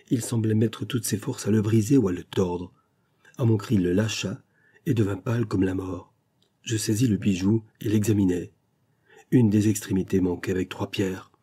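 A man narrating a classic detective story as an audiobook, in a measured, steady storytelling voice. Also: on the low side, husky. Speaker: audiobook reader.

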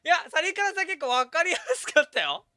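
Man, host, animated, teasing, laughs often, very bright, dry close sound. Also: very high-pitched, brisk, no echo. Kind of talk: hosting a game stream.

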